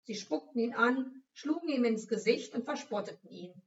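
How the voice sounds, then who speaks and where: A woman reads a Bible story for children, expressive and shaping every scene. Her voice sits a little high. The recording is dull and somewhat distant. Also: moderate pace, reverberant. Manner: expressive reading, acting out the figures.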